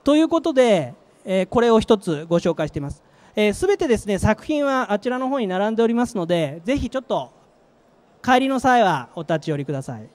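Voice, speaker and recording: A middle-aged manager presents his company's product live on an exhibition stage, with slides, in short, emphatic bursts into a handheld microphone. His delivery is brisk and very animated, in a high-pitched voice with a darkish tone.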